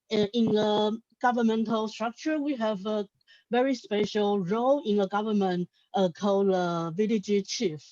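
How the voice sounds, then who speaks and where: A Taiwanese woman with a medium-pitched, darkish voice and a Taiwanese accent speaks hesitantly as a symposium panelist in an unscripted discussion, repeating words while she sorts out her thoughts. The audio is dull and free of echo.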